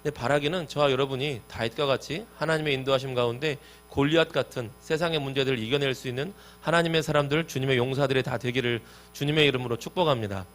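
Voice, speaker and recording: A man giving a youth sermon as pastor, talking directly to his listeners in a lively way. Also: mid-range voice, fast, few pauses, slight background noise.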